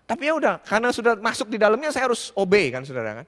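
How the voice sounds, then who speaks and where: A male pastor preaches in a high, very lively voice that swoops up and down as he tells a funny story. He drops English words into his speech. The sound rings with a long church-hall reverb. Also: quick pace. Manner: animated, humorous, mixes in English words. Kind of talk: storytelling sermon.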